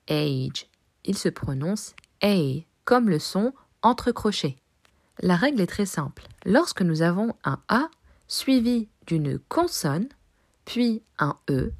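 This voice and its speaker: Patient teacher woman, slow and lively. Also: fairly low pitch, dry recording, clean studio sound. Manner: patient, drills words with repetition. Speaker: English teacher. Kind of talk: recorded language lesson.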